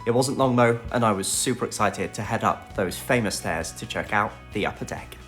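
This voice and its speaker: A man's voice: fairly low pitch, moderate pace, a bit bright, faint music behind. A man narrating a scripted tour as a travel vlog host.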